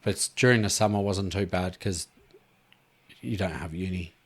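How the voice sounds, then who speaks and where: Deep-voiced laid-back man. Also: normal speed. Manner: relaxed, rambling, many fillers. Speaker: podcast host. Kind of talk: casual chat.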